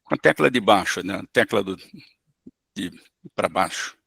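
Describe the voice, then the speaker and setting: A man giving an online spiritist lesson, calm and explanatory in a teacherly way. His voice is gravelly, with a bright, forward tone. The sound is dry and close. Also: deep voice, normal speed, no echo. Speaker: spiritist course instructor. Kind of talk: online lecture.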